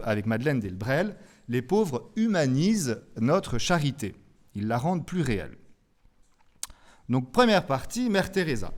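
A young man, a friar, giving an evening talk to students, lively and teasing his listeners. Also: medium pitch. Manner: lively and joking, teasing the audience. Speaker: Dominican friar lecturing students. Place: convent lecture hall.

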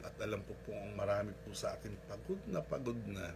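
A man's voice: on the low side, lively intonation, fast talker, vocal fry, background noise. Earnest male pastor preaching a sermon. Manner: polite, earnest storytelling with frequent asides.

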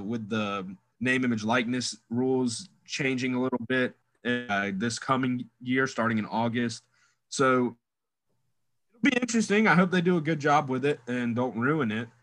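A man's voice: medium pitch, fairly bright tone, no room sound. A man co-hosting a podcast in casual sports chat, thoughtful and weighing both sides. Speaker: podcast co-host.

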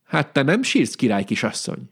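A man voicing a small enchanted hedgehog-pig suitor in a folk tale, brisk and bossy, raising his voice above his own. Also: medium pitch, wildly swooping pitch, fairly bright tone, slightly rough, exaggerated voice. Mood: gentle.

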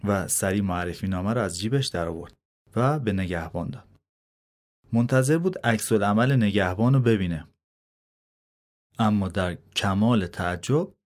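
A man narrating a motivational story in a calm, measured storytelling manner. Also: lowish voice.

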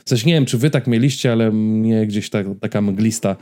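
A man co-hosts a podcast in a casual, joking, informal manner and likes to tell anecdotes. His voice is on the low side and dark in tone, and he speaks fairly quickly.

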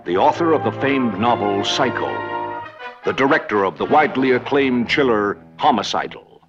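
A man's voice: medium pitch, animated, moderate pace. A man narrating a 1960s film trailer in an ominous, theatrical announcer style. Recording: dull old film trailer, loud music.

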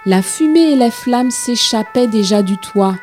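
A woman telling a storybook tale to children in a gentle, expressive reading style. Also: fairly high pitch, a little slow, soft background music.

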